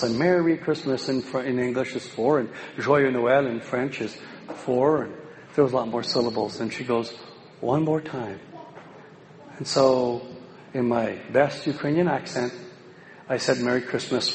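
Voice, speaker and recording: A Canadian man telling anecdotes at a home education meeting in a folksy, self-deprecating way, with many pauses and ums. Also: medium pitch. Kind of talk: informal public talk with anecdotes. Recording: roomy hall with faint background noise.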